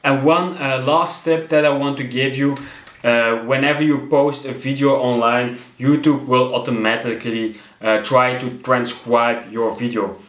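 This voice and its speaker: Seated at his desk in a small home office, a young Belgian channel host with a Belgian accent walks through a tutorial on camera, full of fillers and restarts. A fixed camera at desk distance captures his medium-pitched, slightly bright voice, fairly even and measured, with a roomy sound.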